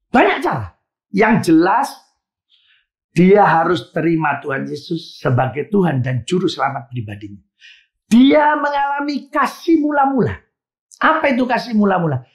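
Pastor guy w tinge, preaching, voice jumps way up and down, echoey hall. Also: high voice. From Indonesia. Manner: lively preaching with sudden loud exclamations, addressing the congregation. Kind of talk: sermon.

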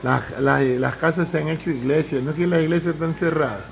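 A man talks straight to the camera from his home, half joking and half preaching. His voice sits a little high and has a gravelly, creaky edge. There is a faint hiss of background noise under the recording. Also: brisk, rough recording. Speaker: vlogger. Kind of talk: casual advice monologue to camera.

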